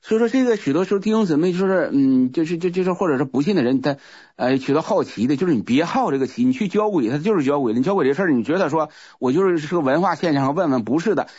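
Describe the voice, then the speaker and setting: Fast-talking man. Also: fairly high pitch, animated, darkish tone, husky, no echo. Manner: rambling, repeats words, restarts often. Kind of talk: casual spoken testimony. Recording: muffled lo-fi recording.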